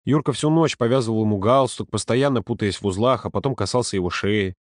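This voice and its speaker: Calm male audiobook narrator, dry sound. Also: fairly low pitch, fast, no echo. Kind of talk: scripted narration.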